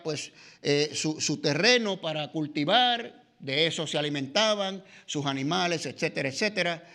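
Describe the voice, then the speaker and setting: Middle-aged man with a Latin American Spanish accent, church Bible class teacher, conversational, pitched high. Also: fairly bright tone. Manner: conversational, frequent "¿verdad?" and "¿no?" tags, filler "eh".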